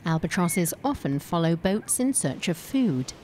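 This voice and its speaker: A woman's voice: on the low side, very animated, measured pace, warm tone, a little hiss or hum. A woman reading scripted nature documentary narration as a voice-over. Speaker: report narrator. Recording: voice-over with music bed. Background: music.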